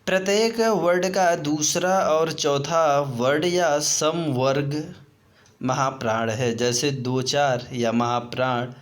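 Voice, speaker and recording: Slow, deliberate male grammar teacher. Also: fairly high pitch. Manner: explains slowly, repeats terms and asks the class questions; slips in English words. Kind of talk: Hindi grammar lesson.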